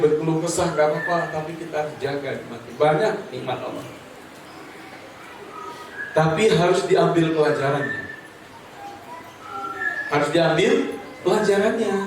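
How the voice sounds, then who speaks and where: A man's voice: fairly high pitch, noisy background. A man preaching a humorous sermon at a home gathering, telling stories, addressing the audience directly and leading them in recitation. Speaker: Islamic preacher. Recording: very echoey, distant mic, crowd audible.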